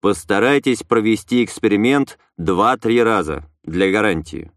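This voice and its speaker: A man's voice: fairly low pitch, a little slow, no room sound, studio quality, natural voice. A man voicing a stern, formal older scientist giving instructions. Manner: formal, disapproving.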